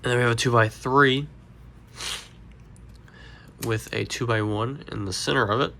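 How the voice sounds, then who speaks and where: A congested man walking through a Lego build step by step, relaxed and rambling with fillers. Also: mid-range voice, unhurried, creaky. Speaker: Lego builder, channel host. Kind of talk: casual build tutorial.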